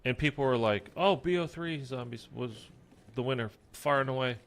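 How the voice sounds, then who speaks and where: Speaking at medium pitch and a moderate pace, a man streams a zombies game and offers casual commentary. He sounds congested and stuffy, rambling along with plenty of filler words.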